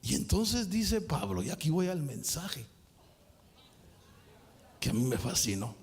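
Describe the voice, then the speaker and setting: A man preaching a sermon as pastor, swinging from loud shouted passages to quiet, confiding asides. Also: a little high, very animated, unhurried, slight background noise. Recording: long hall reverb.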